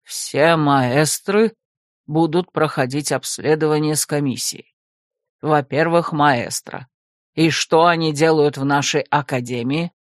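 A gruff aristocratic rector, slow and exasperated, his voice dropped low and growling, as a woman narrator plays him. The reading is dry and close to the mic. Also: no echo. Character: irritable aristocratic male academy rector.

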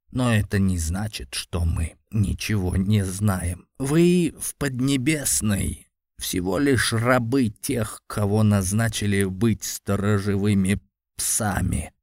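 A man's voice: on the low side, slow, darkish tone, no echo, studio quality. Man voicing a weak, dying old patriarch. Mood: solemn defiance. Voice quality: weak, muttering. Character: dying powerful old Japanese clan patriarch, exhausted, defiant. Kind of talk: audiobook character voice.

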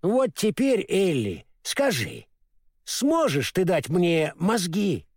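A naive straw scarecrow, put on by a man reading a storybook aloud, chatters in a high, sing-song voice that leaps all over the place. He stammers and muddles his words, then corrects himself. The sound is dry and close. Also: big pitch swings, slow pace, a little mellow, dry recording, full character voice. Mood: storytelling. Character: clumsy naive straw scarecrow, male, cheerful.

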